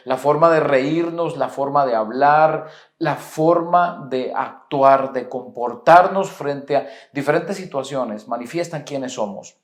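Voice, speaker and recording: Un pastor colombiano predica un sermón con acento colombiano, con calma, haciendo preguntas retóricas y leyendo las Escrituras en voz alta. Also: male voice, mid-range voice. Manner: measured preaching with rhetorical questions, reads scripture aloud. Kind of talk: sermon. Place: church. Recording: echoey church hall.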